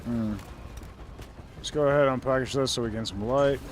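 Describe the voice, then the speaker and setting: A man's voice: medium pitch, brisk. A man giving casual, playful gameplay commentary in an easygoing way. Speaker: gamer, streamer. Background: faint game music.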